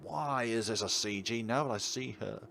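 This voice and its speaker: This playthrough host has a mid-range voice with vocal fry and talks at a normal speed while reading the game's story text, acting out its dialogue, and adding commentary. Loud game music plays behind him, along with slight background noise.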